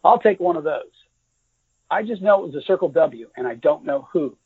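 Man voicing a calm, plain-spoken pilot. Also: fairly high pitch, moderate pace, husky, no room sound. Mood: matter-of-fact. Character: male bomber pilot, calm and matter-of-fact. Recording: dry, tinny phone-like audio.

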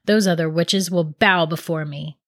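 A woman voicing a wicked, cackling female dark witch in a storybook reading, slow and gloating. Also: lowish voice, steady tone, no room sound, clean studio sound, lightly acted.

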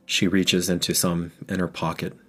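A man with a very deep voice runs a tabletop game as game master. He narrates in vivid detail with thoughtful pauses, and faint music plays beneath. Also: level tone, a bit bright.

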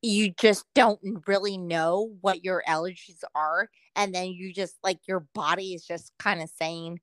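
A woman co-hosting a podcast, telling stories in casual chat with heavy swearing and animated delivery. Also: lowish voice, a little slow, dry recording, poor audio. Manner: profane, animated storytelling. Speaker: podcast co-host.

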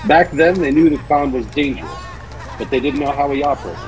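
A man's voice: medium pitch, a little fast, crowd noise, low-quality recording. Man hosting a spooky-story podcast. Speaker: podcast co-host. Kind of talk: casual chat and dramatic story reading.

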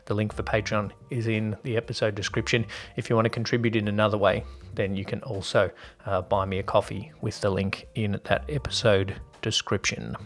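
Man narrating in a low, flat voice. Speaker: podcast host and story narrator. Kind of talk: scripted story narration.

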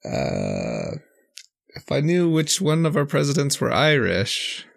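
A man's voice: on the high side, huge pitch swings, takes it slowly, gravelly. Young man, from the US, podcast co-host, casual chat, easygoing, laughs a lot. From United States. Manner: easygoing, laughs often, finishes the other's sentences.

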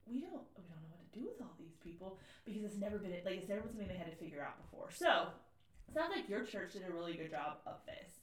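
A woman co-hosting a casual faith podcast, chatty and quick to laugh as she asks questions. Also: mid-range voice, very animated, roomy sound, far from the mic. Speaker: podcast co-host. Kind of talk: casual chat.

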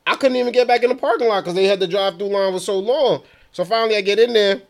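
A man co-hosting a podcast, telling animated, slangy stories and laughing often, in casual chat. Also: high-pitched, quick pace, gravelly. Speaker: podcast co-host.

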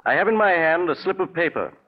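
An actor with an American accent playing a shrewd, accusing doctor-investigator in a 1940s radio drama, deliberate and pointed. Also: male voice, fairly high pitch, lively intonation, close to an everyday voice. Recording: muffled old radio recording.

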